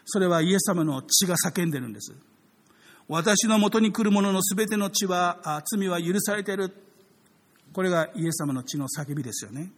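A man's voice: fairly high pitch, husky, long reverb tail. A man preaching a sermon as a pastor, speaking conversationally and drawing the congregation in with frequent questions. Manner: conversational, addresses the audience with frequent tag questions.

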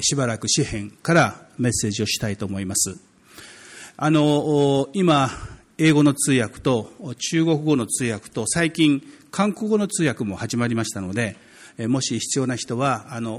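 A male pastor giving a conversational sermon, light and joking, with many hesitant fillers between phrases. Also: mid-range voice.

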